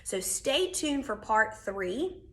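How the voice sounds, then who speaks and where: A woman's voice: on the high side, very animated, slow pace, a bit bright. A middle-aged woman teaching a recorded real estate lecture, direct and emphatic, repeating her key points.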